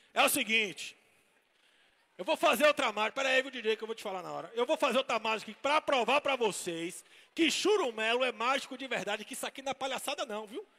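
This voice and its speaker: A man's voice: very high voice, expressive, a little fast, bright, forceful tone. A man with a Bahian accent performing as a clown magician in a live stage comedy act, teasing the crowd with playful banter. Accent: Bahian Portuguese. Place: shopping mall event stage. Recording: long echoey hall reverb.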